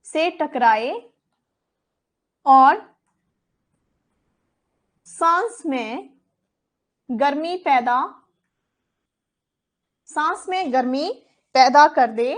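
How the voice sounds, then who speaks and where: Slow, high-voiced woman teaching Hindi. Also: animated. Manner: slow, repeats terms and asks then answers her own questions. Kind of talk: exam coaching lesson.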